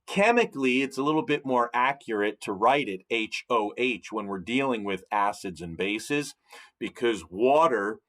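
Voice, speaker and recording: A man teaching a chemistry lesson to his students, walking them through the notes deliberately and stopping often to ask them questions. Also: mid-range voice, animated, a bit bright. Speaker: science teacher. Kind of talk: recorded classroom lecture.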